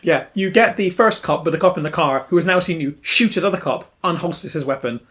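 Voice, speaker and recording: A man's voice: on the high side, expressive, fast talker, a bit bright. A man, narrating as game master of a tabletop role-playing game in a wry, descriptive way.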